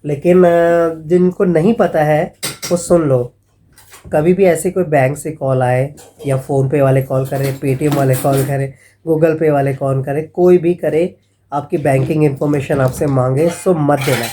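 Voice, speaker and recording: Mellow-voiced man, chatting. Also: a little high, steady tone, measured pace, slight background noise. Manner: chatty, addresses viewers as friends; mocking, storytelling retelling of scam calls. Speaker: vlogger. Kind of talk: casual vlog warning viewers.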